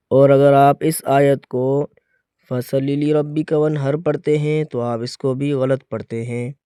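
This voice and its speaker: A man's voice: mid-range voice, dark tone, smooth, dry recording, clean studio sound. A man teaching Quran recitation in an explanatory lesson, patiently repeating words and demonstrating correct pronunciation.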